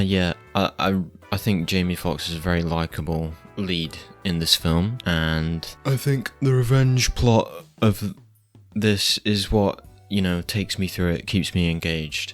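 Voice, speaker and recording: A man's voice: sits low, fairly bright tone. A man giving casual film reviews in a laid-back, rambling, slightly hesitant way.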